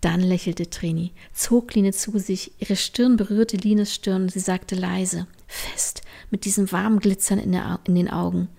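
A woman reading a bedtime story aloud, softly and often in a whisper. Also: mid-range voice, fairly even intonation, a little slow, gravelly, few pauses. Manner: soft, often whispered narration.

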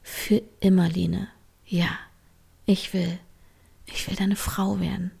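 A woman voicing an eager, high-spirited young woman in a storybook, speaking slowly. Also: warm tone. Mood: tender whisper.

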